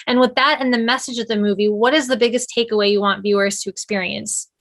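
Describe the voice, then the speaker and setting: A woman's voice: a little high, fairly even intonation, quick pace, fairly bright tone. A woman hosting a casual entertainment interview, speaking in an enthusiastic, conversational way.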